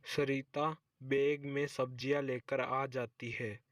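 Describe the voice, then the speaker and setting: A man's voice: mid-range voice, level tone, slow pace, a bit bright, dry recording, studio quality. A man narrating a simple cartoon story in plain storytelling.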